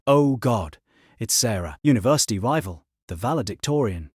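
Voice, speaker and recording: A man telling a first-person story in short deadpan bursts. His voice is husky, and his pitch swings widely from line to line. The sound is dry and close. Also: no echo. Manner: dry, deadpan delivery in short clipped sentences. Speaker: story narrator.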